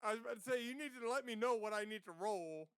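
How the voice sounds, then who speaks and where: A young man playing a tabletop game with friends. He is brash and swears freely. His voice sits high, recorded dry and close. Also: rapid-fire, a bit bright, clear, resonant tone, no echo. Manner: brash and profane. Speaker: player. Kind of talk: casual tabletop game chat.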